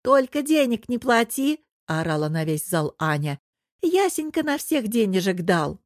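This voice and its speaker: A woman voicing a chatty, doting older aunt who coos and fusses in a high, loud voice, read in an audiobook. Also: big pitch swings, moderate pace, no echo, clean studio sound. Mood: gushing. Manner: cooing, gushing, high and loud.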